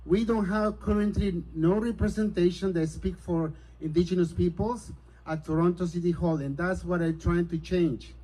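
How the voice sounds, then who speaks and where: A middle-aged man from Peru speaks as a city council candidate, earnest and a little halting. His voice is mellow and dark, pitched a touch high. He delivers a campaign speech in a community hall. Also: steady tone. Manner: earnest, hesitant, grows forceful.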